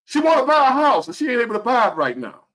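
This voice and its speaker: Speaking quickly with huge pitch swings, a man in his fifties delivers a motivational talk to his viewers in a high, bright voice. He repeats important phrases, drops to a hush, then rises again, pressing each point with earnest, preachy conviction.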